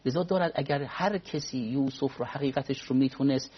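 A man speaking as a cleric guest on a religious talk program, explaining in a measured way and quoting Arabic prayers. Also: mid-range voice, husky, lo-fi sound. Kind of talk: religious discussion.

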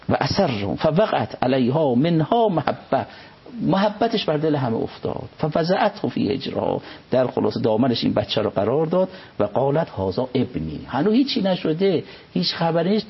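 A man, a religious scholar, reciting Arabic passages and explaining them in an unhurried conversational commentary. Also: a little high, very animated, creaky, husky. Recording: dull lo-fi recording.

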